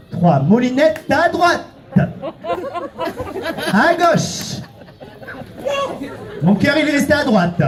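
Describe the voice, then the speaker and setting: A man running a comic street show, teasing his volunteers playfully, counting them in and coaxing the crowd to applaud. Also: extremely high pitch. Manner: teasing, playful, calls volunteers "mon cœur". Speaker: street performer leading audience volunteers. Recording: open-air recording with a noisy crowd around.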